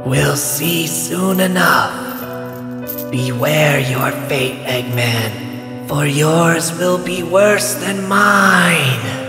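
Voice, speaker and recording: A man playing the solemn but cocky ghost of a young hedgehog hero in an audio drama, with a ghostly reverb on his voice. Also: a little high. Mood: solemn warning. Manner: slow, solemn, haunting delivery. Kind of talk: audio drama character acting. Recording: long echoing reverb, music behind.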